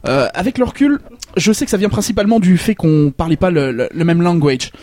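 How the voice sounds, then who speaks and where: A man's voice: high-pitched, lively intonation, fairly quick, mellow. Man doing a bragging Belgian manga boss. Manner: heavy franglais, stammers and repeats words. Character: boastful male manga author, greedy and crude. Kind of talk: comic parody interview.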